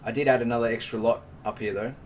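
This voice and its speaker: A man's voice: medium pitch, fairly even intonation, fast, recorded from a distance, slight background noise. A man hosting a trading live stream, giving casual, joking market commentary and calling viewers "mate". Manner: chatty and joking, talks to the viewers as mates.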